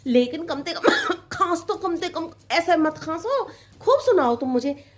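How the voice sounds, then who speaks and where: A woman's voice: very high voice, very animated, measured pace, exaggerated voice. A woman voicing a young, uneducated village daughter-in-law with simple rustic speech, coaxing and naive, in a comic sketch.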